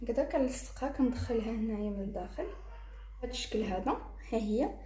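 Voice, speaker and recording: Brisk Moroccan woman teaching cooking. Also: fairly high pitch, mellow, roomy sound, slight background noise. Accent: Moroccan Arabic. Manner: talks viewers through each fold while working. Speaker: cooking channel host. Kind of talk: step-by-step cooking tutorial.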